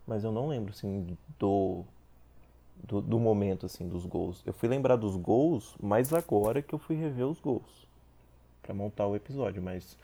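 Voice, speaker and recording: A man hosting a podcast, talking casually in a hesitant, halting way with lots of fillers. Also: on the low side, warm tone. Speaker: podcast host.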